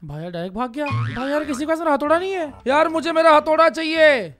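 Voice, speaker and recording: A young man with an Indian accent and a sore throat, giving loud, excitable Minecraft commentary and yelling at game characters. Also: very high-pitched, fast talker. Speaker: gaming YouTuber. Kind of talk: Minecraft let's play commentary. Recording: faint music behind the voice.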